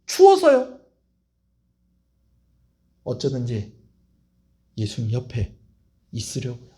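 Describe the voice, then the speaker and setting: A male pastor preaching a sermon, animated and putting questions to his congregation. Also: mid-range voice, slow pace.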